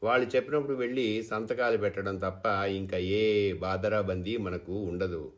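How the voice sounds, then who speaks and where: A man's voice: lowish voice, steady tone, normal speed, natural voice. A man voicing a stubborn farmer husband who speaks with indignation and bitterness. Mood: resigned. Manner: indignant, then weary.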